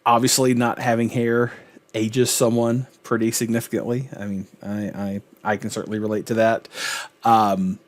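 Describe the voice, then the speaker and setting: A man's voice: fairly low pitch, little pitch movement, normal speed. A man hosting a sitcom reaction video, musing thoughtfully in a rambling, casual way. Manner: thoughtful, rambling, lots of filler. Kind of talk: casual commentary.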